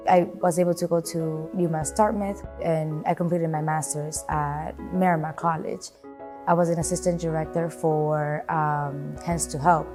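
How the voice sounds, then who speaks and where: A young woman from the Dominican Republic, a program director, speaking earnestly in an interview with some fillers. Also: on the low side.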